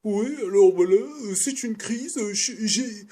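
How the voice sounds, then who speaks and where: A man's voice: sits high, measured pace, warm tone, slightly rough, voice pushed up. A man mimicking a whiny middle-aged arthouse director. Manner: whiny, hesitant, self-pitying. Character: grumpy middle-aged male French arthouse filmmaker.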